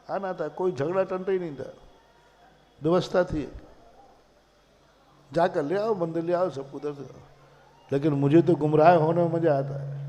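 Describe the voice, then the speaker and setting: A man's voice: a little high, mellow. A man, a Jain monk, giving a sermon, telling a personal story with rhetorical questions and playing out a dialogue with his own mind. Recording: long hall reverb.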